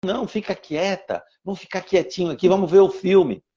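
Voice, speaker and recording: A man voicing his young son, a small boy calmly soothing his sister, in a raised, soft childlike voice. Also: sits high, brisk, highs cut off, voice pushed up, lightly acted. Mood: hushing.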